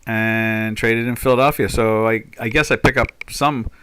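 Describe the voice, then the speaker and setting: A man in his sixties from the Pinelands of South Jersey, accent and all, hosts a live trading chat, rambling and thinking aloud with plenty of fillers. A market trader and stream host, he has a medium-pitched, steady, fairly bright and clean voice at a normal speed.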